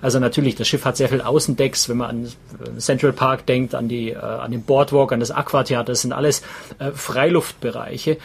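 A man with a husky, mid-range voice talks casually from a cabin on a moving ship. He is on a video call and speaks in an easygoing, slightly halting way. His voice sounds a little distant at times. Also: medium pitch. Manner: relaxed, thinking aloud with fillers. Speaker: podcast co-host. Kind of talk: casual conversation.

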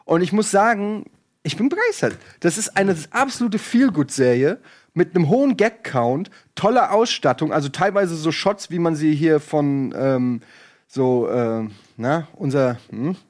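Young male host, slightly high voice, lively retelling with laughs. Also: unhurried. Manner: animated storyteller, laughing, acts out quotes. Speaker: podcast host recommending a series. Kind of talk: casual chat.

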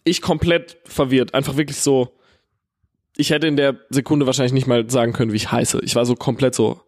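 A man with a Palatinate German accent telling an animated, slangy story in casual chat, full of fillers. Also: medium pitch, fairly quick.

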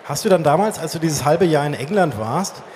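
Animated and a little fast, the host speaks in a fairly high, somewhat mellow voice while conducting a relaxed on-stage interview. The setting is a trade fair's live stage, with faint event noise behind him.

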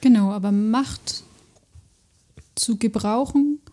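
A woman educator speaking in a casual podcast conversation, her voice mellow. She talks bluntly and with emphasis, cutting in firmly to make her point. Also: on the high side, slow. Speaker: podcast co-host; early childhood educator.

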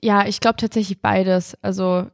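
A young woman in her twenties recounts events in a relaxed, chatty manner, leaning on frequent hesitant fillers as she goes. Her voice sits at an ordinary middle pitch. The room sound is very dry and close, with no reverb around her. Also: moderate pace, vocal fry. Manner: chatty, filler-heavy retelling with many hesitant "ähm"s. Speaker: guest athlete. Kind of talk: casual storytelling chat. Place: her family home, indoors.

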